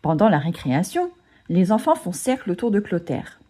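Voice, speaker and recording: A woman reading a children's storybook aloud in an expressive way. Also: fairly low pitch, normal speed.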